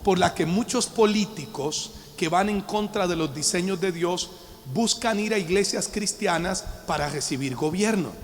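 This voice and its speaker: A man's voice: high voice, moderate pace. Emphatic male pastor in a reverberant hall. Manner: emphatic, calls on the congregation to respond. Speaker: pastor teaching a Bible study. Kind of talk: sermon-style Bible teaching. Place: church hall with a live audience. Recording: long hall reverb with faint background music.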